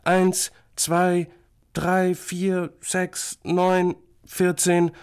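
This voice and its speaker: A man voicing a small, stubborn, easily scared boy in a children's story, high and whiny. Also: monotone, drawn-out words, darkish tone, clean tone, heavily acted. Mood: defiant.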